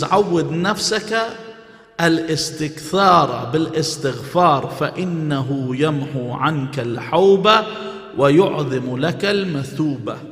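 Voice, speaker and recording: A man's voice: on the high side, a bit bright. A man giving a sermon at a mosque in a conversational way, often asking the audience questions. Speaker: speaker giving a religious talk. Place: mosque hall. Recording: echoey hall, long reverb.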